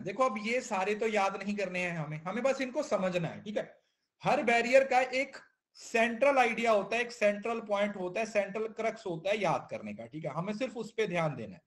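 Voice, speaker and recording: Male teacher, high-pitched, classroom lecture, mixes in English terms, repetitive. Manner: keeps checking understanding, repetitive.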